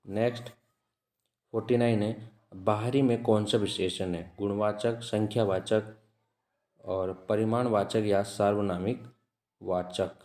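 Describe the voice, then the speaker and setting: A man teaching as an exam-prep tutor, reading out test questions, then repeating each answer in a measured way. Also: on the low side, fairly even intonation, darkish tone, echoey room. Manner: measured, repeats answers with frequent "ठीक है" checks.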